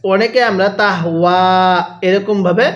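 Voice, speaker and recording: A man teaching Quran recitation step by step, chanting slow drawn-out lines for students to repeat, then explaining quickly. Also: high-pitched, fairly even intonation, fairly bright tone.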